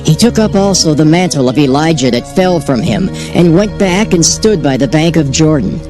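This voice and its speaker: A man narrating a dramatized scripture reading in a measured, solemn storytelling manner. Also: a little high, lively intonation. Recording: narration over background music.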